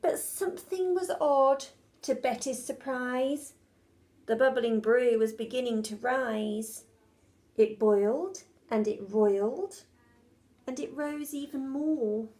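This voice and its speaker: A woman's voice: sits high, slow, a little mellow. A woman teacher reading a rhyming children's storybook aloud in a rhythmic, sing-song way.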